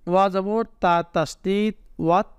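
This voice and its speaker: A man teaching a prayer to viewers, spelling out the Arabic letters slowly and patiently with a Bangladeshi Bengali accent. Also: high-pitched, fairly even intonation, clear, resonant tone, dry recording, clean studio sound. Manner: slow, patient spelling of Arabic letters, drawn-out chanted recitation. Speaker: religious teacher.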